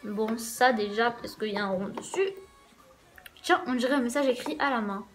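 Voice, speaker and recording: A woman's voice: fairly high pitch, moderate pace, music in the background. A woman hosting a let's play, reading a visual novel's first-person narration aloud in a casual way with wry asides.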